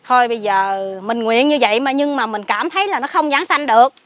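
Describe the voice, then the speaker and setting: A woman with a Southern Vietnamese Mekong Delta accent, a lay Buddhist recluse telling a story outdoors in a garden, swinging between hushed asides and excited outbursts. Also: fairly high pitch, brisk, no echo. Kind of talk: casual spoken storytelling.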